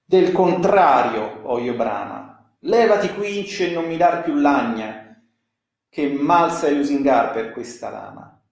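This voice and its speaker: A man reading the lines of a bitter male traitor's soul frozen in ice, with grudging, snarling refusals in slow verse. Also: medium pitch, lively intonation, gravelly. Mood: resentful. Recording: very echoey room.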